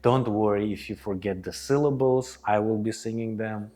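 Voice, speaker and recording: A male breathwork instructor guides a group in a reassuring, instructional way, often checking in with "okay?". His voice is fairly low in pitch, mellow, and at normal speed.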